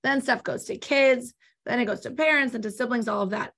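Clear-speaking woman explaining law. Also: on the high side, fairly bright tone. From Los Angeles, California. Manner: measured, explains step by step with small restarts. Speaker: estate planning attorney guest. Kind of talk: explanatory interview answer.

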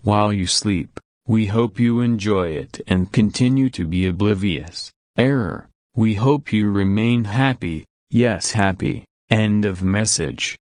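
Glitchy male AI overlord host, a man in the part: low, unhurried, flat and dry. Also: no echo, natural voice. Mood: deadpan menace. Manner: deadpan, glitching with repeated error reports. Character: AI overlord posing as a friendly male machine. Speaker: show host.

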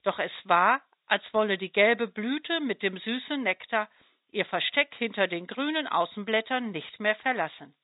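A woman who volunteers in a parish, reading a children's story aloud in a gentle, expressive way. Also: mid-range voice, normal speed, no room sound. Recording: dry, tinny phone-like sound.

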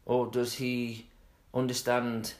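A man's voice: medium pitch, monotone, slow pace. A middle-aged man from England co-hosting a casual chat, rambling and trailing off mid-sentence with fillers. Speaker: podcast co-host.

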